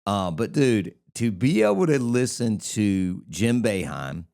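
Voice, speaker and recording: Low-voiced man telling rambling stories. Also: slow pace, creaky. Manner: rambling, animated storytelling with many restarts. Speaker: podcast co-host, DJ. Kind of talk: casual chat.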